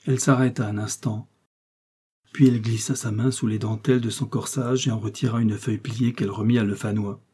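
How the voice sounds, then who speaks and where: A man reading a novel aloud as an audiobook reader, in measured, even storytelling. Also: lowish voice, breathy edge. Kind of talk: scripted narration.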